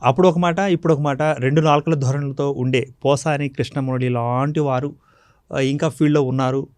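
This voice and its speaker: A Telugu-accented male anchor conducts a TV interview at a moderate pitch. He puts his questions formally and keeps up a quiet string of acknowledgements, all on a close mic with a dry, dead studio sound. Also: steady tone, fairly quick, dry recording. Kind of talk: TV news interview.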